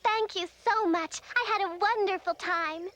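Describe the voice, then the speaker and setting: A woman voicing a tiny, sweet, polite young girl heroine in an animated cartoon, earnest and easily alarmed. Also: very high voice, moderate pace. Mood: polite, grateful. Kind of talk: animated cartoon character acting. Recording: music behind, VHS cartoon soundtrack.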